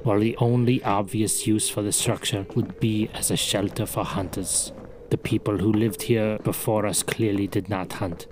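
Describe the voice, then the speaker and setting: A man's voice: lowish voice, steady tone, normal speed, noisy background, natural voice. A man playing a letter-writer who now feels fearless, reading his letter solemnly.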